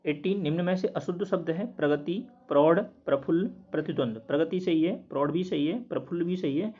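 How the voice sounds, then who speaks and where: A man working through quiz answers as a teacher, steadily repeating each word slowly to explain it. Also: a little high, husky. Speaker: Hindi test teacher. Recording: dull lo-fi recording.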